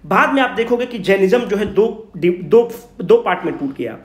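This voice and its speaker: In an echoey room, a Bihari Hindi-accented man with a high, expressive voice teaches an informal exam coaching class at a moderate pace. He asks questions with emphasis, supplies the answers himself, and goes over key points again in colloquial language.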